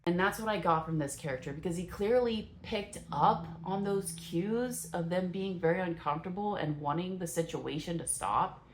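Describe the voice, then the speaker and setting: A woman's voice: sits low, darkish tone. A young adult woman giving her casual first impressions of a film in a chatty, rambling way, full of fillers and self-corrections. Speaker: movie reviewer.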